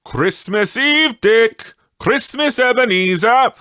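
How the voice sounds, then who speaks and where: A jovial old storybook merchant, pitched high and loud. He booms out hearty, festive exclamations, stretching his words slowly with boisterous good cheer. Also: animated, smooth, no room sound, studio quality, exaggerated voice. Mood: jovial, booming. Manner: booming, drawn-out festive exclamations. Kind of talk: storybook character voice in an audiobook.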